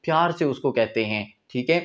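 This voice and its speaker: The audio sounds dull, but the man's medium-pitched voice is expressive and moves at a normal speed. He's in his twenties with a Pakistani accent, giving a casual law lecture mixed with English terms and acted-out examples in a small whiteboard room indoors.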